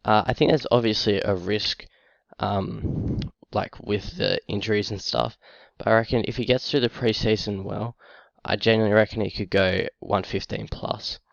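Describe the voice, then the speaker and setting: A sick man, short of breath and coughing, talking to camera in a halting, casual way with many ums and uhs. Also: fairly low pitch, fairly even intonation, vocal fry, dry recording, lo-fi sound. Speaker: fantasy football YouTuber.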